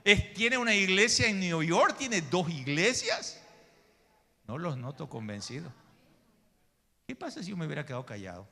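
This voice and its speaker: A man's voice: on the high side, sing-song, moderate pace, long pauses, bright, forceful tone, big-room sound. A male pastor preaching a sermon in church, emphatic, calling his listeners brother and acting out the people in his stories. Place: church sanctuary.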